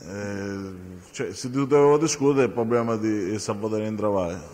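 A man's voice: fairly low pitch, moderate pace, darkish tone. A man testifying in a courtroom, giving short, terse answers under questioning. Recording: echoey courtroom with long reverb.

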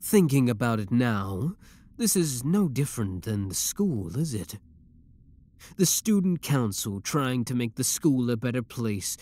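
In a scripted ASMR roleplay, a man with a mid-range, darkish voice plays an obsessive, menacing young villain full of cold devotion. He speaks deliberately and theatrically.

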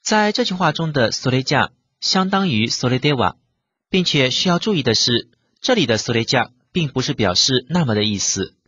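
A man's voice: medium pitch, big pitch swings, brisk, fairly bright tone, slightly rough, no echo, muffled recording. A man teaching a vocabulary lesson. He works methodically through example sentences and translates each one. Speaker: language teacher. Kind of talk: vocabulary lesson explaining Japanese words.

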